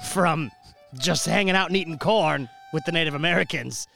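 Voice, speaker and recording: A man's voice: on the high side, moderate pace, gravelly, sharp tone, faint music behind. A man voicing a friendly, anxious talking turkey in improvised comedy, with a put-on, pleading manner. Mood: friendly, indignant.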